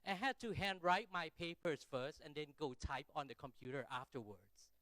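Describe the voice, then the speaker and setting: Middle-aged man with a clear Thai accent. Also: fairly high pitch, animated, normal speed, pushed and bright, no room sound. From Thailand. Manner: self-deprecating, checks in with listeners using rhetorical questions. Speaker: keynote speaker. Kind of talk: conference keynote speech, conversational and informal.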